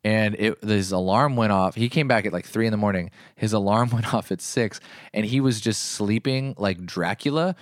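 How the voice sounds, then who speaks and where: A man's voice: lowish voice, moderate pace, dry recording, studio quality. A young man co-hosting a casual chat, telling travel stories in a laid-back way and swearing casually. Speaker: podcast co-host.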